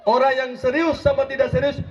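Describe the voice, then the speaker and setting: A man preaching an impassioned sermon, rousing and often shouting as he addresses his listeners directly. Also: extremely high pitch, little pitch movement, brisk. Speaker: preacher and legal consultant. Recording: dull lo-fi recording.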